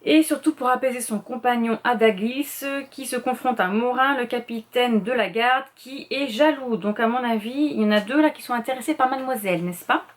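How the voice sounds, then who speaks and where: A middle-aged woman presenting her reading list in a casual, rambling chat, full of fillers and self-corrections. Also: a little high. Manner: quick talker, admits speaking too fast.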